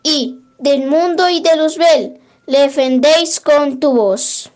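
With a light, high voice, a woman guides listeners through a prayer at a slow, careful pace. There's a steady, litany-like cadence to her measured and reverent recitation.

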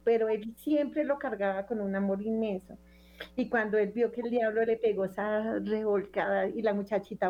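A woman's voice: mid-range voice, dull audio. A woman preaching and telling a testimony in an earnest storytelling manner, acting out the people she quotes. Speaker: lay preacher.

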